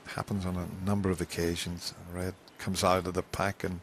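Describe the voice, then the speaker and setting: A man giving hushed live snooker commentary in a measured, understated way, with unhurried phrasing. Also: deep voice, flat delivery. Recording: live broadcast with faint arena noise.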